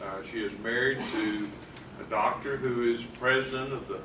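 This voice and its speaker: A man introducing a speaker, halting with many fillers. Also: mid-range voice. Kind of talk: formal introduction. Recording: roomy, distant mic, audible noise.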